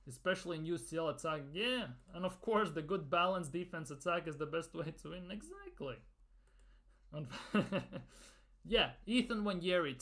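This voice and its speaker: A man's voice: sits high, bright, forceful tone. Fed up fan guy ranting about his team, sarcastic, swears a bit, very up and down voice. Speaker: football fan vlogger.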